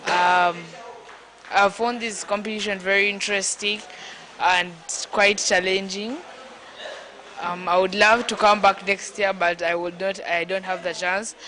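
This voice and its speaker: Bright-voiced interviewee, measured answers. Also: mid-range voice, level tone, a little hiss or hum, low-quality recording. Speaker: spelling bee winner.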